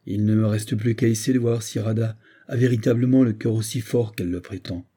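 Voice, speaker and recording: A man's voice: on the low side, steady tone, fairly quick, dark tone, husky. A man voicing a proud young Romani horse thief who speaks in a solemn, declaiming way in a spoken audiobook. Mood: grim.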